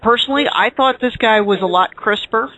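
A man with a high voice co-hosts a casual chat, firm and opinionated but measured. The sound is dull and lo-fi, with the top end rolled off. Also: a crowd in the background. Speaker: podcast co-host. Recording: muffled lo-fi audio.

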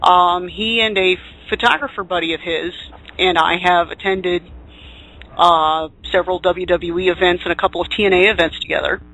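Talk show host, bright forceful tone, group call-in chat, showman introductions. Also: medium pitch, fairly even intonation, normal speed, rough recording.

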